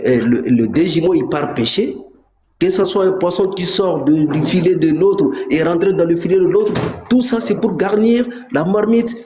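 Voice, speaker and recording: A man's voice: sits high, mellow. Emphatic man in an echoey room. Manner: emphatic and insistent. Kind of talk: live political commentary. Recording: echoey room with faint noise.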